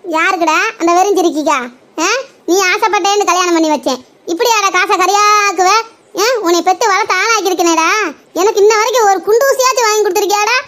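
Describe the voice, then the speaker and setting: A performer doing a shrill, nagging mother-in-law. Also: quick pace, pushed and bright. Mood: ranting. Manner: shrill, scolding, theatrical complaining. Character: nagging, scolding Tamil mother-in-law, older woman. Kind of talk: comedy skit.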